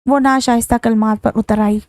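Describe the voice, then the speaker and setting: Woman narrating a novel, higher voice. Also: fairly even intonation, moderate pace, darkish tone, no room sound. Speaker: novel reader. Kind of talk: audiobook narration.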